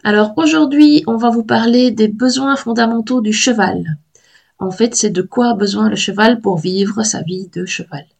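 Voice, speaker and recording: Husky woman with gravelly podcast chat. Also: fairly high pitch, moderate pace, a little mellow. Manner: upbeat, laughs easily, introduces topics. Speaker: podcast host.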